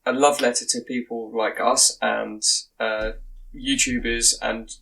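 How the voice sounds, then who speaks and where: A man holds forth on a film on his podcast, animated and blunt, tripping over his own restarts. His voice sits at a middle pitch and sounds slightly distant from the microphone. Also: measured pace, gravelly. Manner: opinionated, animated, restarts sentences. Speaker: podcast co-host. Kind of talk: casual film discussion.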